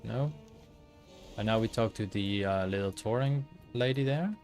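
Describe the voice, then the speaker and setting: A Dutch-accented man in his thirties, from the Netherlands, chats casually with his stream viewers in a deep, low voice. He thinks aloud in halting bursts full of fillers and restarts, while quiet game music plays behind him.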